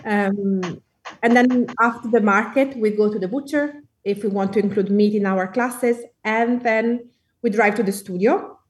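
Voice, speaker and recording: A woman with an Italian accent talking as an interview guest, relaxed and friendly with easy laughs. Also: medium pitch, normal speed, recorded from a distance. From Italy. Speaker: guest cookbook author. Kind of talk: casual interview chat.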